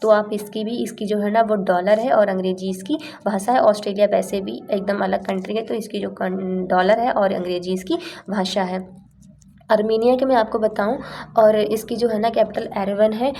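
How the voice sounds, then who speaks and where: A woman's voice: mid-range voice, steady tone, moderate pace, vocal fry, mellow, slight background noise. A young woman teaching exam facts in a casual, chatty way, using playful memory tricks. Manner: chatty, explains with playful rhymes and acted-out lines.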